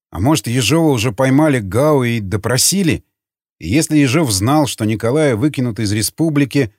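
Male audiobook narrator, lively melodic delivery, dry close sound. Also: mid-range voice, dry recording. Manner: expressive storytelling.

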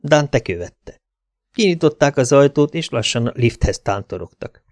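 A man's voice: medium pitch, lively intonation, darkish tone, dry recording. A man tells a story in the first person in a laconic, wry manner. His voice sits mid-range for a man. The recording is dry and close. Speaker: audiobook narrator. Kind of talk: first-person audiobook narration.

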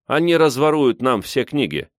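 A man's voice: mid-range voice, big pitch swings, normal speed, no room sound, studio quality, pitched above the performer's own voice, natural voice. A man voicing a sly, needling male toady with a snide delivery.

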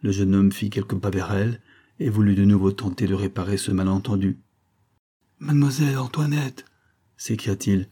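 A man reads a serialized novel aloud in a measured, even storytelling manner. His voice is low, dark and mellow, with a husky grain. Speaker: narrator.

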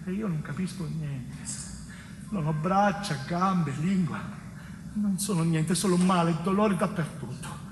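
An actor playing a beaten young male prisoner speaking slowly and brokenly in a stage monologue. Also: high voice, background noise. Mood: dazed. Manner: slow, broken, hollow. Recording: echoey theatre hall.

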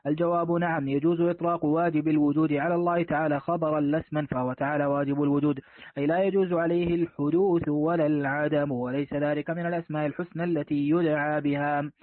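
A man reading a classical religious text aloud, with steady, measured recitation of definitions, as a student before his teacher. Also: a little high, no room sound. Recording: tinny phone-like recording, dry.

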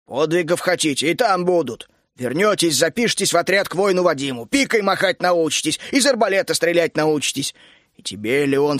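A man doing a grumbling gruff uncle. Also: on the high side, no room sound, studio quality. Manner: grumbling, scolding, bursts out hotly. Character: grumpy gruff middle-aged male dragon keeper. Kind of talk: audiobook character voice.

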